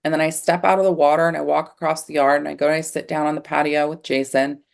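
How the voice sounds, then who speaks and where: A woman cold-exposure coach, a podcast guest, telling personal stories in an earnest, animated way. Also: low voice, quick pace, vocal fry. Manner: earnest, animated, acts out emotions. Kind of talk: personal storytelling in conversation.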